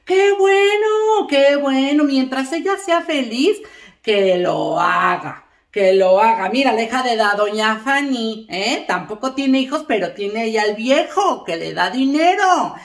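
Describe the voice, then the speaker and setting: A woman's voice: a little high, lively intonation, measured pace, roomy sound. A woman playing a gossipy middle-aged mother who rambles on to her family, forever tossing in little asides to check they are listening. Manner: chatty, rambling, keeps asking "¿eh?" and "fíjate". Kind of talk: comic character monologue.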